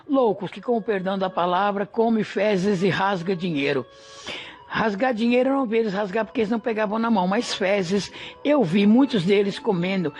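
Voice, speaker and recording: A man from Brazil gives a church testimony in a fairly high voice, telling his story with drama and voicing each person in it. Soft music plays faintly behind him. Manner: dramatic storytelling, acting out dialogue. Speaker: church member giving testimony.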